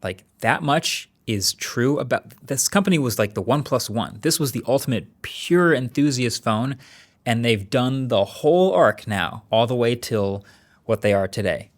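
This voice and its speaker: A man giving conversational tech commentary as a video reviewer, casual and wryly understated, with deliberate emphasis. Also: medium pitch, lively intonation.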